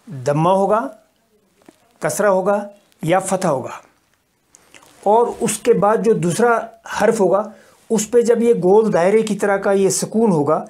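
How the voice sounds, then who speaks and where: A man from Kashmir teaches a recorded language lesson at an unhurried, steady pace. He explains the same rule several times over. He draws out the example syllables so learners can follow. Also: high voice. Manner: patient, repetitive explaining, drawing out example syllables. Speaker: Arabic teacher.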